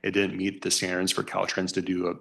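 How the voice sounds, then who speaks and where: A man's voice: deep voice, completely flat delivery, a little fast, gravelly, a bit bright. A man giving explanatory answers at a public meeting as a transportation project staff member.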